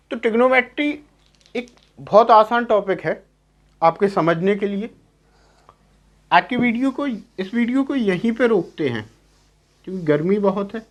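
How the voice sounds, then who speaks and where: A man's voice: high-pitched, dull audio. Man teaching, checking in constantly. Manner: asks quick checking questions, repeats key terms. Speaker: math teacher. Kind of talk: classroom-style lecture.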